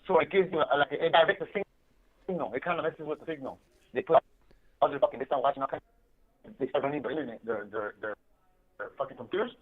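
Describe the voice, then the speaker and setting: A man calling on a prison phone line with choppy, garbled audio that sounds underwater, talking excitedly and swearing freely. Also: a little high, quick pace, pauses often, slightly rough, no room sound. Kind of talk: casual phone chat mixing in Spanish. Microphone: prison phone handset.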